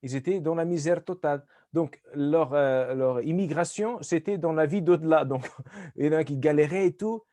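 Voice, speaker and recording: A man's voice: on the high side, moderate pace, mellow, dry recording. A man from Portugal riffing as a comedian in loose, jokey chat, rambling and dropping into playful mock voices.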